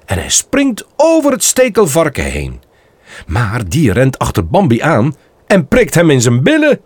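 A man narrating a children's storybook aloud in an expressive read-aloud manner. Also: medium pitch, unhurried, slightly rough.

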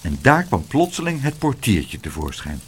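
A man reading a children's story aloud in an expressive, sing-song way. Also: mid-range voice, normal speed, a little hiss or hum. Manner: lively, sing-song narration. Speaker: audiobook reader.

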